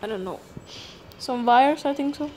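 Woman, scared horror game streamer, high-pitched, unhurried casual commentary, jumpy, sweary, noisy recording. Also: lively intonation, darkish tone. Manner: freely swearing. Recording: clearly noisy home gameplay recording.

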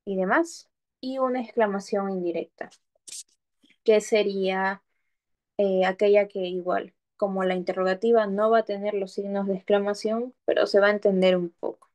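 Woman, teacher, patient, explanatory, online lesson, mid pitch. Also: darkish tone. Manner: patient, explaining step by step with examples; checks understanding often with "¿ok?".

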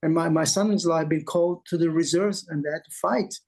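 Israeli-accented pastor, 50s, webcam guest, earnest, hesitant, a touch high-pitched. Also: male voice, fairly even intonation, gravelly, darkish tone, low-quality recording. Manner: earnest, halting with many fillers. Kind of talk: interview guest on video call. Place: home office, indoors. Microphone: video call webcam.

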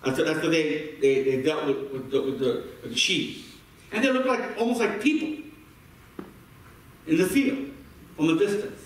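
Recorded from afar in a reverberant sanctuary with a little hiss or hum, a pastor with a voice on the high side preaches at normal speed but pauses often. He drives each point home by repeating words and asks his congregation to respond.

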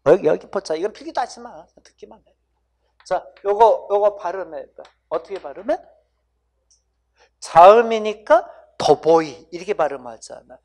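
Casual lecturing teacher, mid-pitched voice, talks down familiarly to students and keeps tagging "right?". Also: lively intonation, moderate pace, a little mellow. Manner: addresses students directly, coaxing them to repeat sounds. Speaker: English grammar teacher. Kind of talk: exam-prep lecture.

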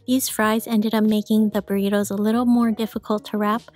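A woman giving calm, matter-of-fact voice-over instructions for a home cooking video, explaining each step plainly. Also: medium pitch, fairly quick, soft background music. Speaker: frugal cooking vlogger.

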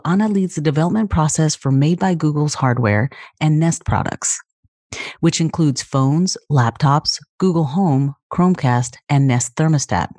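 A woman's voice: low voice, darkish tone, no echo, clean studio sound. A woman hosting a podcast, reading a polished introduction and then chatting eagerly with fillers. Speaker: podcast host. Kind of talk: scripted intro then interview chat.

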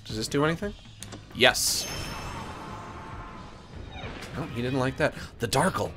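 A man's voice: medium pitch, fairly quick, bright, forceful tone, faint music behind. A man giving casual, playful video game commentary, often silly and repeating himself.

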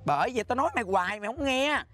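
An actor playing a sassy, sharp-tongued flamboyant man in a comic scolding rant. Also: very high-pitched, sing-song, rapid-fire, exaggerated voice. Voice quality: sassy, nagging, theatrical. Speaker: comedy sketch actor.

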